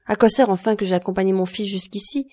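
A woman's voice: mid-range voice, fairly even intonation, fast, a little mellow, close to an everyday voice. A woman reading the part of a grieving woman near forty who speaks in sorrowful, self-accusing pleas. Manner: sorrowful, pleading. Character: grieving woman of thirty-nine, broken by guilt.

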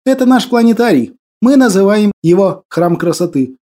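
A man voicing a gentle, earnest young man who patiently explains things. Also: high voice, animated, moderate pace, pitched above the performer's own voice.

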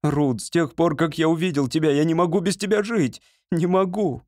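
A man's voice: mid-range voice, normal speed, a little mellow, dry recording, studio quality, close to an everyday voice. A man voicing a passionate young winged man in an audiobook reading, speaking ardently. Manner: ardent, impassioned.

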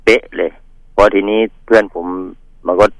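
A man from northeast Thailand telling the host a ghost story from his village in a halting, polite way, pausing and repeating words. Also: on the low side, steady tone, no echo, rough recording. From Northeast Thailand, Mekong riverside. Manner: polite, addresses host as older brother. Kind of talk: casual spoken storytelling.

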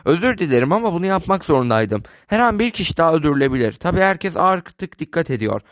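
A man voicing a gentle, shrewd elderly spinster. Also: a little high, very animated, fast, no room sound.

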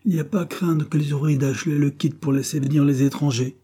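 A man voicing an irritable, lanky glove worker who shouts angrily in a storybook reading. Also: fairly high pitch, steady tone, fast, breathy edge, pitched above the performer's own voice. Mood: angry. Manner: angry, shouting.

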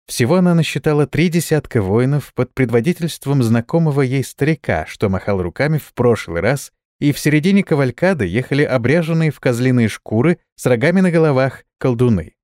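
A man's voice: mid-range voice, expressive, fairly quick, few pauses, darkish tone, no echo, studio quality. A man narrating a fantasy story as an audiobook, telling it expressively.

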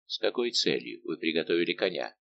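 A man's voice: a bass voice, sing-song, fairly quick, vocal fry, a bit bright, highs cut off, pitched below the performer's own voice, full character voice. A man reading an audiobook, voicing a haughty young king who questions and rebukes with indignation. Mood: indignant. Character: haughty young male king, imperious and angered.

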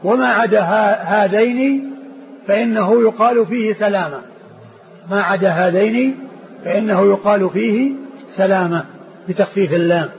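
High-voiced sheikh, lo-fi lesson recording. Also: male voice, normal speed. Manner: explains patiently, repeating phrases and restarting words. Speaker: sheikh teaching a text. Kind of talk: classroom commentary on a classical text. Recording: dull lo-fi lecture recording with faint noise.

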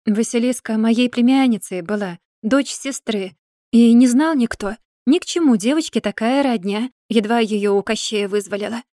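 A woman's voice: a little high, normal speed, dark tone, dry recording, studio quality, close to an everyday voice. A woman voicing a cheerful, crafty old witch who talks in a folksy, grandmotherly way. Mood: wry. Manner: folksy, chatty, bursts into indignation.

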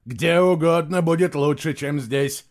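A man's voice: on the high side, measured pace, voice pushed up, natural voice. A man reading an audiobook, voicing a stern, proud warrior who talks with solemn command. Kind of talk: audiobook narration.

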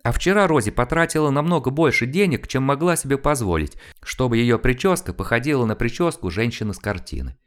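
An audiobook narrator reads a novel aloud in scripted literary narration, his medium-pitched voice measured and expressive as he tells the story.

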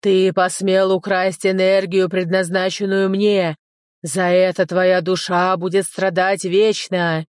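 A woman voicing a huge, cruel male demon who speaks in slow, booming threats. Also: level tone, clear, resonant tone, no room sound, studio quality. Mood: menacing.

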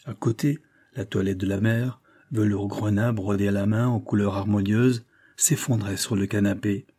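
A man narrating a classic novel aloud in a measured, even reading. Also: on the low side, slightly rough. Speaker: audiobook reader. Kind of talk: literary narration.

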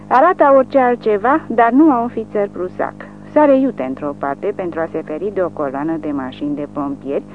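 An audiobook narrator reading a war novel in a dramatic, widely varying delivery. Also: mid-range voice. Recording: narrow phone-like sound, faint music.

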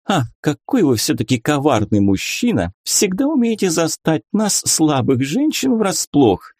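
A man's voice: fairly high pitch, very animated, unhurried, a little mellow, no echo, studio quality, pitched above the performer's own voice, heavily acted. A man voicing a young nurse in an audiobook, talking in a honeyed, cooing, motherly way. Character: young nurse, sugary, worldly-wise confidante. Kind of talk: audiobook character reading.

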